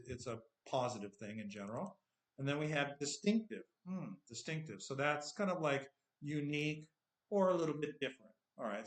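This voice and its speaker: A man's voice: mid-range voice, roomy sound. A man with a Californian American accent and a touch of Texan, teaching English in a patient tutorial, often checking in with "okay?". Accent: Californian American with a little Texan. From United States. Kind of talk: screen-share tutorial lesson.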